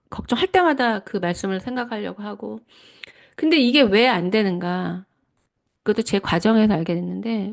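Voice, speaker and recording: A woman's voice: mid-range voice, vocal fry. A middle-aged woman giving a devotional teaching talk, earnest and reflective, sharing personal testimony and often correcting herself mid-phrase. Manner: reflective, with frequent self-corrections.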